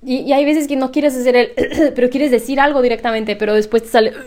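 A young woman chatting casually at home, laughing often and clearing her slightly hoarse throat. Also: high voice, steady tone, fairly quick, a little mellow. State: slightly hoarse after illness. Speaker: vlogger. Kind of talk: casual chat to camera. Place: home room. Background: washing machine.

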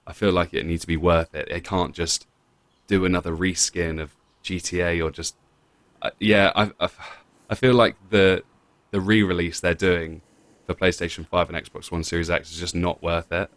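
Casual British young man, very low voice, dry close sound, rambling gamer chat. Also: normal speed, dry recording. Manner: relaxed, rambling, many fillers and restarts.

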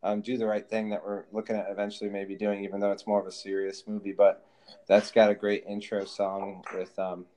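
A man's voice: lowish voice, monotone, fairly quick, warm tone. A man co-hosting a podcast in casual chat, rambling through topics with many fillers. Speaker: podcast co-host.

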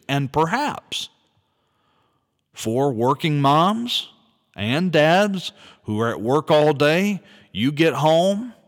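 A man speaks in an unhurried, deliberate monologue, his pitch rising and falling expressively as he poses rhetorical questions. His earnest, reflective delivery carries a long reverberant tail, as if recorded in a hall. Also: a bit bright. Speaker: speaker commenting on an article.

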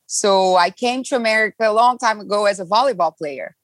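Animated woman in her thirties. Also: mid-range voice, a little fast, no echo. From Brazil. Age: 30s. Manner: animated storyteller, acts out quotes. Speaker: podcast guest. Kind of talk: casual chat.

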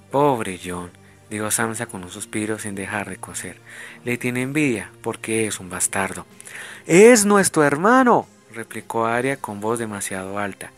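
Man, audiobook reader, expressive, faint background music. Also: on the low side. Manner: reads expressively, voicing characters' lines with raised voice. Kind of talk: audiobook reading of a novel.

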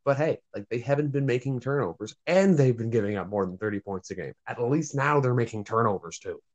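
A man's voice: mid-range voice, expressive, a little fast, dull audio. Guy with a mid-range voice chatting sports on a voice call with a buddy, pretty matter of fact. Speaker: sports podcast co-host. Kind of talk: casual sports banter in a voice chat. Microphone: remote voice chat call.

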